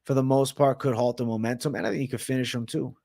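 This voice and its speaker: A man's voice: medium pitch, fairly even intonation, quick pace, vocal fry, darkish tone, dry recording, studio quality. A man hosting a casual livestream Q&A, reading viewer comments and talking bluntly with some swearing. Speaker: livestream host.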